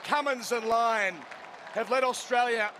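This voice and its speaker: A man's voice: extremely high pitch, a little slow. A man giving live radio cricket commentary, describing the play in short running phrases. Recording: clear crowd noise at outdoor ground. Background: cricket crowd, outdoor ambience.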